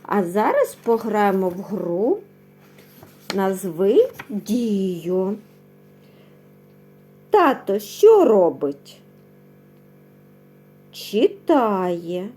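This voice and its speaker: Slow, patient woman teacher. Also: medium pitch, very animated, mellow. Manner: slow, patient, asks and answers her own questions; sings out sounds and words drawn out. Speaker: kindergarten teacher. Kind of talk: lesson for young children.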